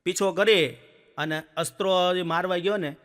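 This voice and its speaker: A man tells village jokes with a lively, animated delivery. His voice sits high and ringing. He is heard in a hall with long reverb. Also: moderate pace. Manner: lively joke-telling, acts out villagers and animals. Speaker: stand-up comedian. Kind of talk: folk comedy storytelling.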